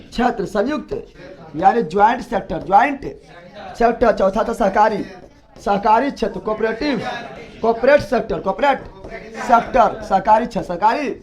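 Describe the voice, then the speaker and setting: High-pitched man drilling a class. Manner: repetitive call-and-response drilling, asks and answers himself. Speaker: teacher. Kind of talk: classroom lecture.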